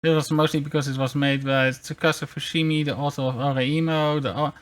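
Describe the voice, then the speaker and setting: A streamer of unclear sex chatting casually in a hesitant, rambling way and reading bits aloud, with a mid-pitched voice. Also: steady tone, brisk. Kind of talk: casual livestream chat, reading articles aloud. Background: background music.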